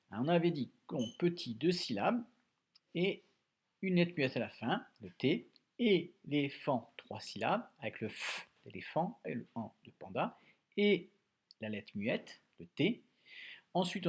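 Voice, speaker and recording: A man teaching young children a dictation lesson at home, slowly and patiently spelling out syllables and sounds. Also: mid-range voice, very animated, breathy edge. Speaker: primary school teacher.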